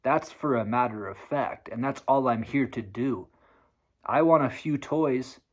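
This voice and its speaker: In a motivational rant vlog, a man preaches hard work to the camera in blunt, profane terms. His voice, neither high nor low, sounds sore and strained from talking. He speaks a little slowly.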